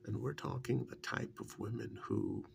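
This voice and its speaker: Half-whispering in a soft, breathy voice, a man plays an embittered former kidnap victim who is now a devoted male partner in an ASMR role-play monologue. He rambles confidingly, bitter and aggrieved, with wildly swooping pitch at a moderate pace and very heavy acting. A faint low rumble sits in the background.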